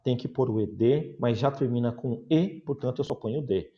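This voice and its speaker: A man with a Brazilian Portuguese accent teaching an online English lesson, speaking slowly and deliberately and repeating words for pronunciation. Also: mid-range voice, muffled recording.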